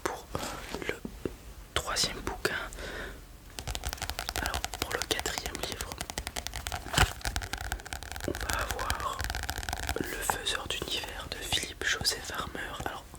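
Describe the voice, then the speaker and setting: Someone in a whispered role-play as a librarian, speaking in a soft library whisper while presenting and reading from books. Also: takes it slowly, pauses often. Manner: reads blurbs aloud, then comments informally with hesitations. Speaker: ASMR creator playing a librarian presenting books.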